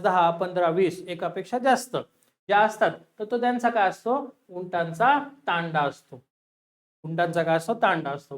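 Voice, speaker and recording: A high-pitched man teaches an exam-preparation lesson. He asks his students questions, answers them himself and repeats the key words.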